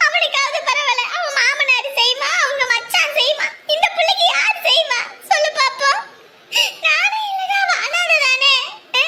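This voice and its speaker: A woman's voice: extremely high pitch, noisy background. An actress playing an anxious, self-pitying village mother, scolding and lamenting in a drama. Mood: pleading.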